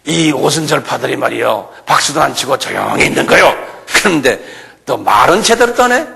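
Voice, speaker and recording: A male pastor preaching a sermon in a church, animated and full of rhetorical questions. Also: medium pitch, a little fast, vocal fry, noisy background. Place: church sanctuary.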